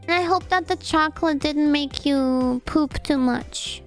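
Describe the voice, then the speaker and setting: Brief: woman streamer, casual chat, high and excitable, loose and profane. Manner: excitable, shrieking and swearing freely. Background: background music.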